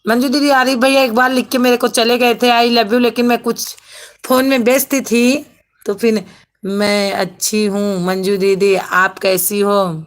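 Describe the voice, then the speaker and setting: A woman's voice: fairly high pitch, little pitch movement, measured pace. A woman hosts a casual live stream on her phone and chats away. She reads viewer comments aloud, greets people one by one and laughs often.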